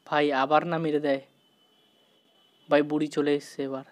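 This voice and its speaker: A man giving excited, panicky commentary while playing a horror game, at times dropping to a hushed voice out of fear and mixing in English exclamations. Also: a little high, normal speed. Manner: sometimes talks softly out of fear. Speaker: gaming YouTuber.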